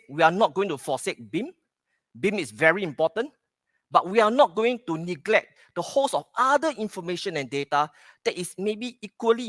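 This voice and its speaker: Brief: middle-aged Singaporean man, somewhat high voice, dry close sound, plain conference keynote. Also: fairly bright tone, no room sound. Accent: Singaporean English. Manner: plain, repeats "okay" to pace points. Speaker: conference speaker. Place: conference hall stage.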